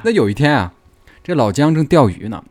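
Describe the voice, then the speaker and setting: Podcast host, male, animated, slangy storyteller. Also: medium pitch, fairly quick. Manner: lively storyteller, slangy, laughs often. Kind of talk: casual storytelling chat.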